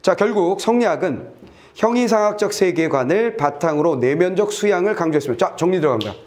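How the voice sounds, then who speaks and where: A middle-aged man lecturing on a test passage in a lively, playful way. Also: high voice, fast. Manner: lively, playful, acts out little scenes and sound effects. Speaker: Korean literature tutor. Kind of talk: lecture with acted examples.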